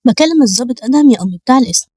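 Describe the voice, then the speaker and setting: A woman voicing a shy but quick-witted young woman with an Egyptian accent. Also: high-pitched, lively intonation, dark tone, husky, no echo, clean studio sound, voice pushed up. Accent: Egyptian Arabic.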